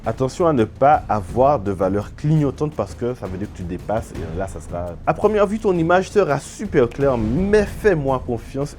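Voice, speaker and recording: Male tutorial host, animated delivery, warm mellow tone, faint music under. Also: medium pitch. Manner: chatty, informal, addresses viewer directly. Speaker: video creator teaching camera settings. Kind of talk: casual tutorial.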